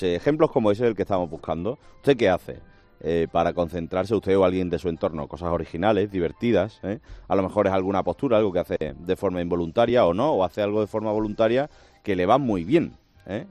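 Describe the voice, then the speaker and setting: Brief: male radio host, lowish voice, brisk and chatty, dry studio sound. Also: dark tone, no echo. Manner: brisk, chatty, quick interjections. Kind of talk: call-in radio chat. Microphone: studio microphone.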